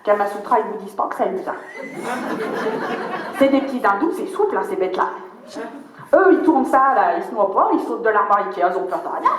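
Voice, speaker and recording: A woman's voice: medium pitch, animated, fairly quick, long pauses, natural voice. A woman performing a crude, spiteful old grandmother in a comedy monologue, foul-mouthed and gleefully mocking. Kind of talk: stand-up character monologue. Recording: dull, echoey room sound.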